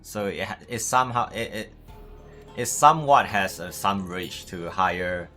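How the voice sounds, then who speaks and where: A game streamer hosting a livestream chats casually in a Malaysian accent, hesitating and often repeating his words as music plays behind him. His low voice is bright and forceful, with fairly even intonation and a moderate pace.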